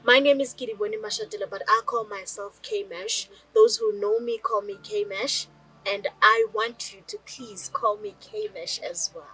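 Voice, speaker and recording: Her voice is medium-pitched, somewhat bright and husky, at a measured pace, with soft background music and poor audio quality. She is a young Northern Sotho (Lobedu) speaker from rural South Africa, telling stories in a personal vlog and chattily asking her viewers rhetorical questions directly.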